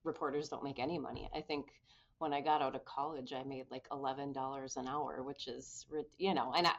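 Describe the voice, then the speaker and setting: A woman with a notably low voice answers interview questions. She is candid, brisk and quick to poke fun at herself. The audio is dull and lo-fi. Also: fairly even intonation. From Minnesota. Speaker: guest, public safety communications official. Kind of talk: conversational interview.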